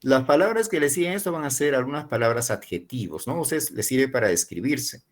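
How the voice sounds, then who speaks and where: This Peruvian university professor, a man in his forties, teaches an online English class in Spanish and slowly repeats model phrases for his learners. His voice sits in the mid-range, with lively intonation.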